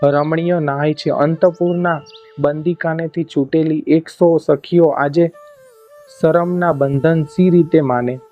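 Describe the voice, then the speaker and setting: A man narrating a folk tale as a storyteller, in a measured, dramatic reading. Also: a little high, steady tone. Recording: dull lo-fi audio, faint music.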